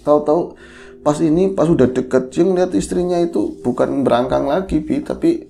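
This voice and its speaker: Podcast host, male, gravelly and mellow, animated casual storyteller. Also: fairly high pitch, a little fast, slight background noise. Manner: animated retelling, acting out quoted voices.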